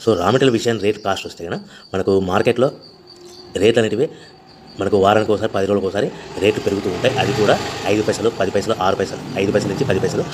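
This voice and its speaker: A man with a Rayalaseema Telugu accent walks through a machine demo, talking fast and slightly low, with faint workshop noise behind him. He repeats set phrases again and again like a practised seller. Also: fairly even intonation. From Andhra Pradesh, India. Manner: repetitive, formulaic announcing. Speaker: machine seller demonstrating equipment. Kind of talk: product demonstration.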